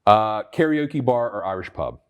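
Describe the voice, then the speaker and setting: A man hosting an interview, firing off quick lightning-round questions in a playful, teasing way. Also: lowish voice, expressive, clear, resonant tone. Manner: playful, teasing, laughs often. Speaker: interview host.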